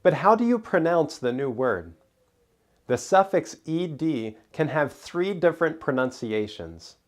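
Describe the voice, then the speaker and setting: A man's voice: on the high side, big pitch swings, measured pace. A man narrating a scripted English pronunciation lesson, carefully enunciating single words and example sentences.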